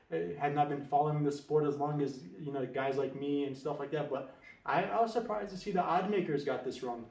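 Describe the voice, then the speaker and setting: An MMA betting tipster, a man with a fairly high pitch and a darkish tone, gives casual, confident fight predictions. He rambles, restarting often and using many fillers. He sounds distant from the mic in an echoey room.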